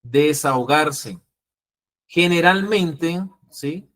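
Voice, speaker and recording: A man with a Colombian accent teaching an interviewing class, acting out the calm phrases he wants students to use. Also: fairly high pitch, drawn-out words. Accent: Colombian Spanish. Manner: lively, acts out calming phrases. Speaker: instructor.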